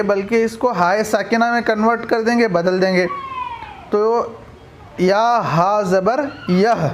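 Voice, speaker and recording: Male Quran teacher, Indian Urdu-Hindi accent, high pitch, faint room noise, slow deliberate recitation. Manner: slow, drawn-out recitation of letters and syllables, then quick explanation. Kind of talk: recorded online lesson.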